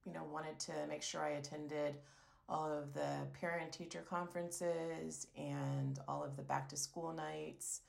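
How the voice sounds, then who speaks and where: A woman's voice: deep voice, level tone, unhurried, creaky. A woman in her fifties from California, a guest mother, speaking earnestly. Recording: roomy echo.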